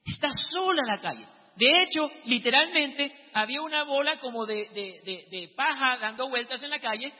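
A man with a very high, husky voice tells a personal testimony with dramatic energy. The sound is dull and carries a long hall reverb. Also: moderate pace, few pauses. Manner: lively, dramatic storytelling with shouted quotes. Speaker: speaker sharing a testimony. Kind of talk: storytelling testimony.

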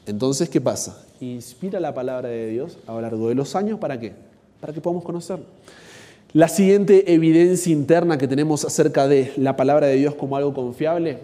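A man's voice: high voice, mellow. A man with an Argentine accent teaching a Bible workshop, asking his audience rhetorical questions. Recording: long hall reverb.

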